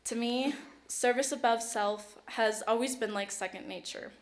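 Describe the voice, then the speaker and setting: A woman's voice: fairly high pitch, normal speed. A woman in her late teens giving an acceptance speech at an awards ceremony. She is chatty and emotional, with lots of fillers, and she switches between English and Spanish. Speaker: award recipient.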